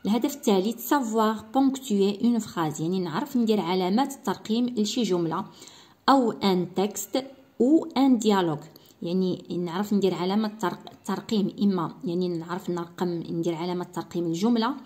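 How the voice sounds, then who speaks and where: Slowly and deliberately, a Moroccan-accented woman reads out French example sentences while teaching a primary school lesson, breaking down every point step by step. Her voice is mid-range with a touch of mellowness.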